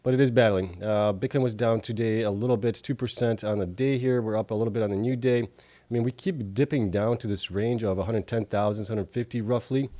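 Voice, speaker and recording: A man's voice: fairly low pitch, steady tone, a little fast, warm tone, dry recording. A man hosting a casual stock market recap, reading out figures informally with offhand asides, slightly affected by allergies. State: allergies, with coughing and sniffles. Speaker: host of a stock market video show.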